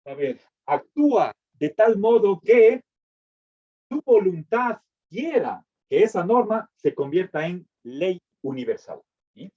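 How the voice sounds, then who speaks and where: A man teaching a philosophy class, pausing to check in with his students and restarting phrases as he goes. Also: high-pitched, very animated, dry recording. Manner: checks in with frequent "¿sí?", halting restarts. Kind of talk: classroom lecture. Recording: dull lo-fi dry recording.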